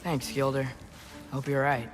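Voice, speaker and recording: A man with a mid-range voice plays a plucky, wry young apprentice in a video game cutscene, music running underneath. His tone stays level and unhurried, the acting light, as he talks to himself in a dry, wry way.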